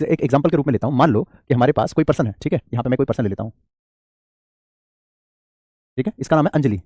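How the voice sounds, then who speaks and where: Fast-talking mellow male teacher. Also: medium pitch, no echo, studio quality. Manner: explains by asking his own questions and answering them; affectionate toward students, calls them child. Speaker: English teacher. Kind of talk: classroom-style grammar lecture.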